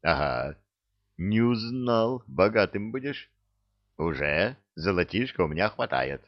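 In an audiobook, a man voices a cheeky, glib young adventurer, a smooth-talking chancer who wheedles. His voice sits low and is very animated yet unhurried, with no echo and a lo-fi sound.

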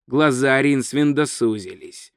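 A man reading a humorous fantasy novel aloud as audiobook narrator, steady and measured. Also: medium pitch, clean tone, dry recording, clean studio sound.

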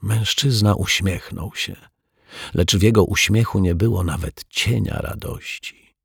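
A man calmly narrating a children's story as an audiobook reader on a close mic. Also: deep voice, unhurried, gravelly, husky, dry recording.

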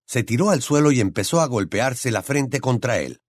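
A man narrates a novel in an expressive, dramatic reading. His pitch rises and falls lively through each sentence. The studio sound is dry with no room echo. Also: normal speed. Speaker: audiobook narrator. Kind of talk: audiobook narration.

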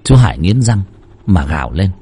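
A man's voice: sits low, very animated, moderate pace, breathy edge. A man reading a scripted horror story aloud with dramatic expression. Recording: faint background music. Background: soft music.

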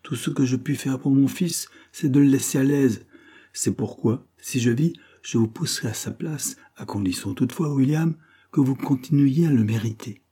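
A man voicing an older, pious, warm-hearted male manufacturer who speaks fervently and moralizes. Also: medium pitch, moderate pace, breathy edge, pitched above the performer's own voice. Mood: kindly.

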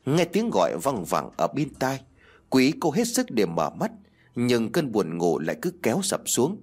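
A man narrating a storybook tale in an expressive storytelling manner. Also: mid-range voice, measured pace, husky.

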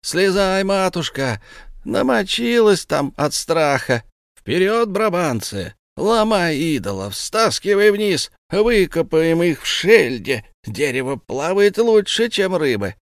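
A man voicing a rowdy mob of male agitators yelling for destruction. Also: sits high, sing-song, slow, no echo, clean studio sound, pitched above the performer's own voice, full character voice. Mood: rabble-rousing. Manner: rabble-rousing, yelling.

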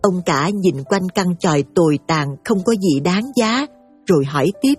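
Breathy woman narrating a story. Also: fairly low pitch, animated, normal speed, darkish tone, faint music behind.

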